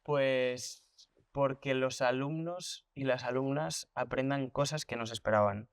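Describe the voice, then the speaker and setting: A man talks through his ideas in a relaxed interview. His mid-range voice is reflective and full of concrete examples. It sounds dry, with little room echo. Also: medium pitch, measured pace, clear, resonant tone. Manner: reflective, thinks aloud with restarts and repetitions; explains with hands-on examples and comparisons. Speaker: voice teacher and actor. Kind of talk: conversational interview.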